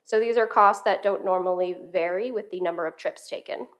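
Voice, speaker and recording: A woman's voice: on the low side, brisk. A woman economist giving a formal presentation at a council meeting, speaking steadily into a table microphone. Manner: steady, explanatory, occasional self-repeats.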